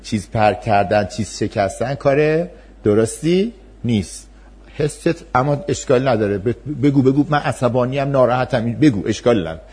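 Husky man explaining to an audience. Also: mid-range voice. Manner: animated, acts out parent and child voices in examples. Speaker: speaker on parenting and empathy.

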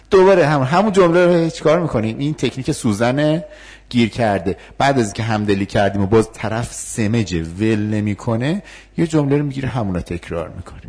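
A man's voice: fairly low pitch, darkish tone, breathy edge. A man, a university counselor, explaining assertiveness techniques and acting out the dialogues. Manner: explanatory, acts out both sides of dialogues. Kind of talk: lecture with role-play demonstrations.

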